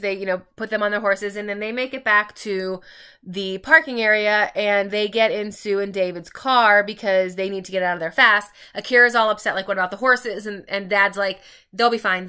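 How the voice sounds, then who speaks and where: A woman with a bright, clean voice at a medium pitch retells a story in a casual vlog style. She talks informally and loosely, doubling back to fill in details as she goes. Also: smooth. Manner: informal, rambling, backtracking. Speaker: book reviewer vlogger. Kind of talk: casual chatty story recap while getting ready.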